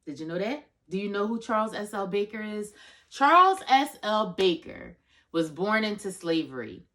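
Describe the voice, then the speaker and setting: A woman's voice: mid-range voice, sing-song, normal speed, sharp tone. A woman in her thirties hosting a children's storytime, chatting directly to her young viewers. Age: 30s. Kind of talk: chatty introduction addressed to children.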